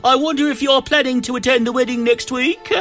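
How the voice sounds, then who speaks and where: A man's voice: very high-pitched, steady tone, brisk, a bit bright, soft background music, voice pushed up. A man voicing a clumsy, greedy male tortoise who frets and pleads dramatically. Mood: pleading. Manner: whiny and pleading.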